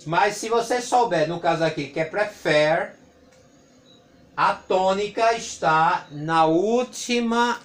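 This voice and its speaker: A man's voice: high-pitched, a little slow, hardly any pauses. A man with a Brazilian Portuguese accent teaching an English grammar lesson, patiently repeating points and asking rhetorical questions. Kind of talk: classroom lesson explaining grammar.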